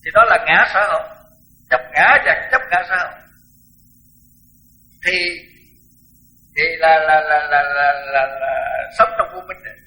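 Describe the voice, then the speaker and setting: An older monk preaches a sermon in a high, sharply bright voice. He talks frankly and bluntly, often repeating words to press a point. Soft music sits faintly behind him. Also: fairly even intonation, a little slow, creaky, pauses often, rough recording. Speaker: Buddhist monk teacher. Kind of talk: dharma talk sermon.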